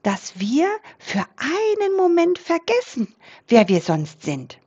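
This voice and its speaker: Timid squeaky storybook mouse, voiced by a woman. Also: wildly swooping pitch, slow pace, a little mellow, dull audio, full character voice. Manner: squeaky, cautious.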